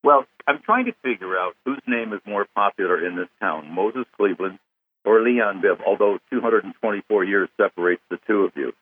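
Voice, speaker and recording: A man's voice: on the low side, fairly quick, slight background noise. A male host running a phone interview, effusive in his praise for his guest. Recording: tinny phone line.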